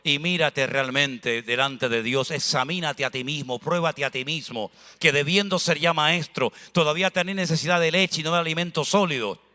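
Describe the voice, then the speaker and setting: A man preaches a lively, anecdote-filled sermon, his voice high-pitched and bright. He speaks into a handheld microphone in a church. The hall around him rings with a long reverb. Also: moderate pace, hardly any pauses. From Spain. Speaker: pastor.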